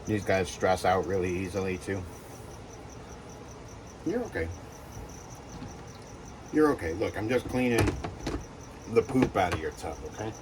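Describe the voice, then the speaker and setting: A man who breeds reptiles talks casually in a vlog while handling geckos, with lots of fillers and soft reassurances to the animals. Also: low-pitched, fairly even intonation, moderate pace, noisy background. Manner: rambling, filler-heavy, coos softly to the geckos.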